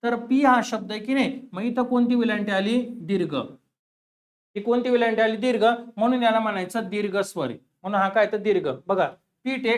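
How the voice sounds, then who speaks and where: A man's voice: high voice, a bit bright. A man teaching an exam-preparation lesson, who asks his students questions and then answers them himself, repeating the key words.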